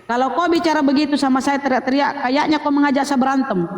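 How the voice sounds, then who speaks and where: A man's voice: very high voice, steady tone, quick pace. Teasing man in a roomy echo. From Makassar, Indonesia. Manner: teasing, lecturing, repeats himself. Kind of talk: heated online religious debate.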